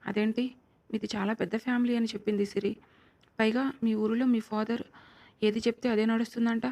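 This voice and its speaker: A woman's voice: on the high side, flat delivery, brisk, a little mellow, natural voice. A woman voicing a cold, arrogant young male doctor who talks curtly and sarcastically in a storybook reading. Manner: curt, sarcastic.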